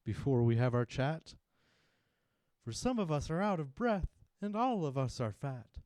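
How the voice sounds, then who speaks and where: Man putting on high, pleading young oysters. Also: big pitch swings, a little slow, darkish tone, no room sound, clean studio sound. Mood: breathless protest.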